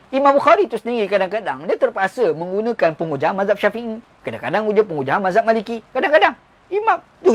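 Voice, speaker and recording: A man with a Malaysian Malay accent teaching a religious lesson. His voice sits high and he talks quickly, pressing points with stories and rhetorical questions. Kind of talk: religious lecture.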